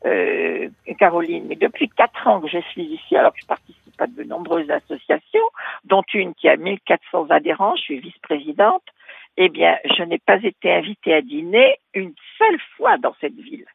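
A woman in her eighties calling in to a radio show, chatting in a lively way about her life. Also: moderate pace, creaky, slightly rough, dry recording. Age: 80s. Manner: lively and chatty, with big swings in pitch. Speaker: caller. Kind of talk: phone-in confiding chat. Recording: tinny phone line.

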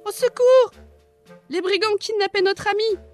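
A woman's voice: very high voice, moderate pace, soft background music, voice pushed up. A woman voicing a panicked female mermaid who shrieks for help in a storybook reading. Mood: alarmed. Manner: shrieking, calling out from afar.

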